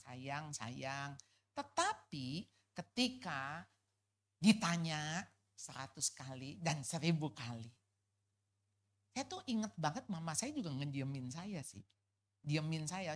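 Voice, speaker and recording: Woman, middle-aged, church testimony, casual storytelling, slightly low voice. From Jakarta. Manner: lively, casual storytelling with colloquial asides. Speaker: speaker at a church couples' fellowship. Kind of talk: personal testimony in a church talk.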